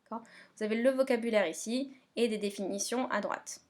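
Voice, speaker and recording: A woman teacher with a fairly high voice talks fairly quickly as she walks pupils through their remote English homework step by step. She is patient and keeps checking that they understand.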